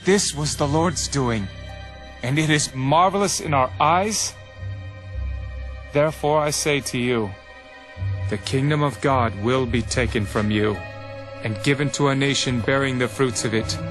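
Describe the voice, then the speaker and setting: An actor playing Jesus in a scripture audio drama, a teacher speaking parables with solemn, measured authority. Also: male voice, medium pitch, a bit bright, natural voice. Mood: solemn warning. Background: music.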